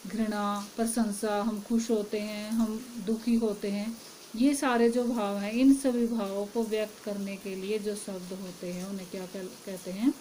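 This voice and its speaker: A woman's voice: mid-range voice, flat delivery, unhurried, warm tone, a little hiss or hum, rough recording. A woman teaching a Hindi grammar lesson, asking her class questions and then answering them herself.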